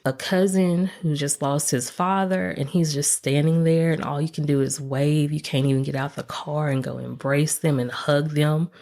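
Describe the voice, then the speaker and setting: A woman's voice: low-pitched, steady tone, normal speed, hardly any pauses, a little mellow. A woman in her thirties, a podcast guest, reflectively telling her own story and quoting her past thoughts. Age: 30s. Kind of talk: conversational interview.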